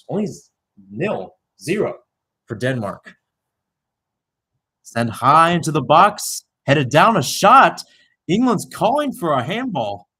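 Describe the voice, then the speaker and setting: A young man works as a play-by-play sports commentator, calling soccer live as if on radio in clipped little phrases with asides and self-corrections. His mid-range voice is fairly bright in tone, with a breathy edge.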